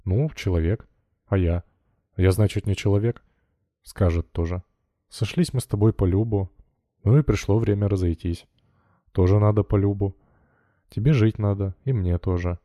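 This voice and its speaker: A man's voice: on the low side, normal speed, long pauses, mellow, no echo, lightly acted. A man voicing a brash, teasing young male mill worker in an audiobook, with cocky folk speech. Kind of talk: audiobook character reading.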